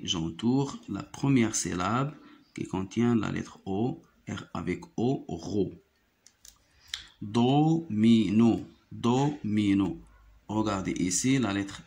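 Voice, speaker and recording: Slow, deliberate male phonics teacher. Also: lowish voice, vocal fry, a little mellow. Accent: Moroccan French. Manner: slow, deliberate, repeats each word twice. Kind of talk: slow phonics lesson for children.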